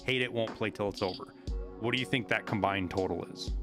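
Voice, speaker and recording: A man's voice: lowish voice, fairly quick. Sweary male game streamer over music. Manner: sweary, excitable exclamations while playing. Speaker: game streamer, video guide maker. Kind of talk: live gameplay commentary and casual chat.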